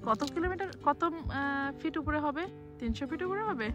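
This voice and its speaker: A woman's voice: sits high, animated, moderate pace, over music. A woman from Bangladesh, a travel vlogger, chatting casually to camera from a clifftop by the sea, often repeating and restarting her words. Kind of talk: casual vlog talk to camera.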